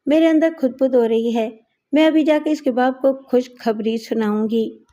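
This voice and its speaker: A woman voicing a brash, chatty gang woman who talks coarsely and teases loudly. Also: high voice, lightly acted. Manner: loud, teasing, coarse talk.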